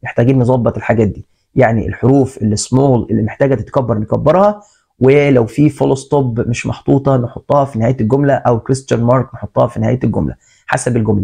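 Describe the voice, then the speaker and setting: Egyptian man teaching, mellow voice. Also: medium pitch, gravelly, husky. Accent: Egyptian Arabic. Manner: explains step by step, translating English into Arabic; asks the class questions and answers them. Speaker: English teacher. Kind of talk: exam review lesson.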